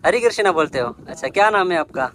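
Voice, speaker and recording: A man's voice: high voice, lively intonation, fast talker, a bit bright, a little hiss or hum. A man from Sindh, Pakistan, vlogging in village farmland outdoors, asking short questions and repeating each answer back before he turns to the camera. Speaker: village vlogger interviewing workers. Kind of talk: casual interview and talk to camera.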